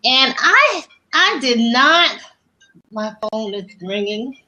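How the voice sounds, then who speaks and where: A woman's voice: sits high, big pitch swings, slow pace, muffled recording. A woman from the United States hosting a casual interview, telling stories about faith and travel with frequent restarts. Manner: warm faith-based storytelling with many restarts. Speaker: host.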